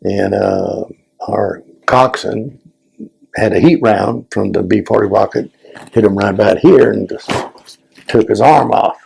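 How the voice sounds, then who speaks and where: Speaking unhurriedly yet with great animation, this older veteran from a Vietnam interview recalls his service in a rambling, folksy way, often repeating himself. His fairly low voice is creaky, darkish and slightly rough, captured on a low-quality recording.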